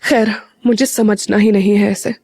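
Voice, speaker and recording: A woman's voice: mid-range voice, flat delivery, moderate pace, warm tone, slightly rough, dry recording. An aloof young man muttering wryly to himself, played by a woman narrator. The sound is close and dry.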